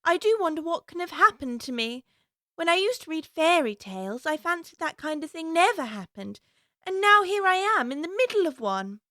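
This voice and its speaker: A woman's voice: extremely high pitch, big pitch swings, normal speed, pushed and bright, no room sound, studio quality, full character voice. A woman playing Alice, a curious young girl chattering away to herself in a prim, wondering way, for a full-cast audiobook. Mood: musing.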